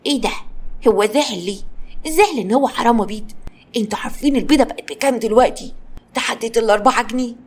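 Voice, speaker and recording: A woman's voice: fairly high pitch, fast, lightly acted. A woman playing a scolding old grandmother. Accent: Egyptian. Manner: gruff, scolding.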